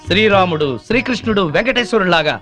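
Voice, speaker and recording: A middle-aged husband devoted to his wife, making an earnest speech in a lively, high voice. Sitar and tabla film music plays clearly behind him. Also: fast talker. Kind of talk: film comedy acting.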